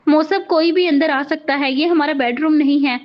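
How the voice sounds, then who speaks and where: Soft-spoken young wife, lightly scolding; a woman reads her with muffled sound. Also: high voice, steady tone, normal speed, lightly acted. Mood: gentle. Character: gentle, loving young wife.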